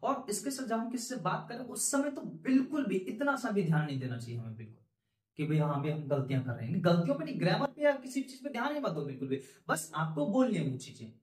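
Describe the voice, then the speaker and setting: Man, high voice, encouraging teacher, earnest, echoey room. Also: sing-song, fast. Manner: earnest, encouraging, repeats points with rising emphasis. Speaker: spoken English teacher. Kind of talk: motivational lesson talk to learners.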